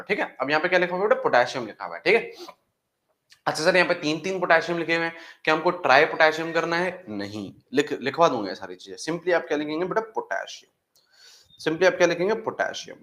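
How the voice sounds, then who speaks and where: A man's voice: on the high side, fairly bright tone. A male chemistry teacher in a classroom, asking his students questions and repeating key steps. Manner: addresses students as "beta", asks questions and repeats answers; drills step by step, repeating key words.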